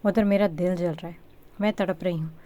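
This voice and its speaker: A betrayed young wife from a storybook reading, her lines pushed and anguished, as a woman narrator acts her. The voice sits low for a woman and stays close to the reader's own. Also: fairly even intonation, fairly quick, warm tone, close to an everyday voice. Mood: shouting. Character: heartbroken young wife, shouting and bitter.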